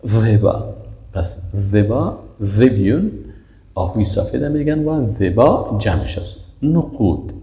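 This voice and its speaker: A man teaching Arabic pronunciation, repeating each word slowly and emphatically and quizzing his listeners. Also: lowish voice, sing-song, warm tone, reverberant. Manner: repeats words slowly and emphatically, asks and answers his own questions. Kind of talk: language lesson, drilling pronunciation.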